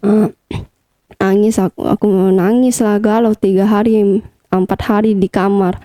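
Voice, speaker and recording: A woman's voice: medium pitch, level tone, a little slow, mellow, no echo. A young woman being interviewed, telling a personal story casually, with lots of hesitant fillers. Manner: chatty, hesitant with many fillers. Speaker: interview guest.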